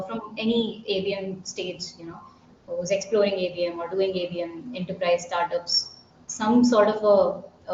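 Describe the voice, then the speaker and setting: Female host, Indian accent, lowish voice, casual delivery, roomy call audio with muffled sound. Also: a little mellow, slight background noise. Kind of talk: casual hosting. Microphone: online call.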